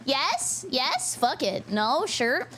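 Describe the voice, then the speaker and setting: A woman streamer chatting casually with her viewers, giggly and excitable, laughing often and thanking donors. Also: sits high, drawn-out words, slight background noise. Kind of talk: casual live-stream chat.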